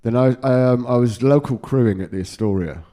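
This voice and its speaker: A man's voice: mid-range voice, brisk, mellow. A man in his forties, a guitar tech telling road stories in casual chat, swearing freely and laughing often. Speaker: podcast guest, guitar tech.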